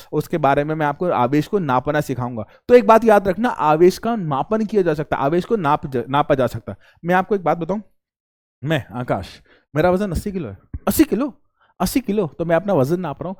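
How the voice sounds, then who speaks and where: Young man, physics teacher, high-pitched voice, playful, jokey, quizzing students, studio recording. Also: animated, a little fast, darkish tone. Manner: playful, joking, repeats questions to students. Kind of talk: energetic classroom lecture.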